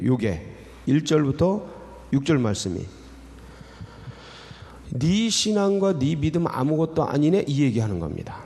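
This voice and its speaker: Male pastor, early morning sermon, gravelly and dark, heartfelt conversational delivery with frequent restarts, long church-hall reverb. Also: medium pitch. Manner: emotional, conversational preaching with many fillers and restarts. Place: church sanctuary.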